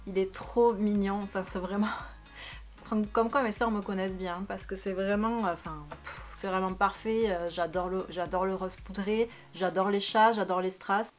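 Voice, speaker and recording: A young woman talks into a studio microphone in her bedroom, chatty and bubbly with a self-mocking streak. Her voice sits at an ordinary middle pitch, and she fills her sentences with little hesitations. Faint music plays softly behind her. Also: fairly even intonation, moderate pace. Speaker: vlogger. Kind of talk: casual chat.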